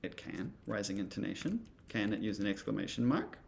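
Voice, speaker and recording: Gravelly male instructor thinking aloud. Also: fairly low pitch, big pitch swings, a little fast, a little mellow. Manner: thinking aloud, many fillers and asides. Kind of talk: casual walkthrough of software.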